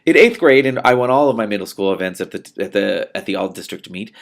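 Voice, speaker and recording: With a fairly low, gravelly voice and a fast delivery, an adult male reader and commentator of a book read-along show reads a novel expressively. He's animated, reacting aloud and pausing now and then to add his own spontaneous remarks.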